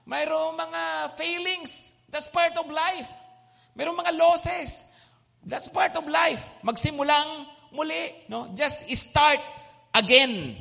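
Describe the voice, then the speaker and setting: Gravelly high-voiced male preacher. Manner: animated, mixes in English phrases, asks the crowd "no?". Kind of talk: sermon. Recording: long hall reverb.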